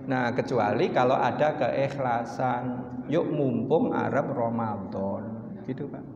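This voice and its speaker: A man with a Javanese accent preaching at an evening study gathering, animated, acting out speakers, swinging from low murmurs to loud exclamations. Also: slow. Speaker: Islamic preacher. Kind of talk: mosque study sermon. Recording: dull, roomy hall recording with faint noise.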